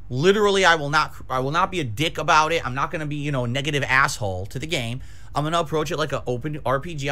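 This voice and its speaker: A man in his forties rants at his livestream chat in a fairly high, bright and forceful voice. He is agitated and combative, swearing freely and repeating phrases to drive each point home. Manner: profane, emphatic, repeats phrases for emphasis. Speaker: variety game streamer. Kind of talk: livestream rant to chat viewers. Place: small decorated home streaming room, indoors. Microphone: close desk microphone with pop filter.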